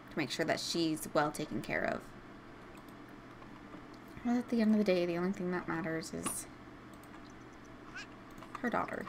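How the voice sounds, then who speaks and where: A woman's voice: low voice, vocal fry, slight background noise. A young woman giving chatty, emotional commentary while playing a life-sim game as a video host. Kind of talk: casual gameplay commentary.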